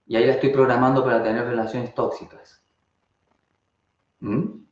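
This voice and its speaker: A man's voice: mid-range voice, normal speed. Argentine man teaching, rhetorical questions. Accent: Argentine Spanish. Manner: animated, asks rhetorical questions and answers them. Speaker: online course teacher. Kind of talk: live online class talk. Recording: dull, roomy sound.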